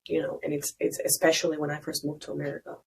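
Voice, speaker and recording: A woman's voice: low-pitched, fast, vocal fry, slightly rough, rough recording. A woman from Spain with a Spanish accent, a podcast guest talking bluntly and casually. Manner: frank, blunt, animated storytelling.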